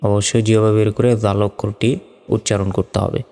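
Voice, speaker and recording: A man's voice: on the low side, level tone, brisk, mellow, big-room sound, faint music behind. A man teaching Quran reading, patiently drilling Arabic letters and their long vowels one by one. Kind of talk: slow step-by-step Arabic letter pronunciation lesson.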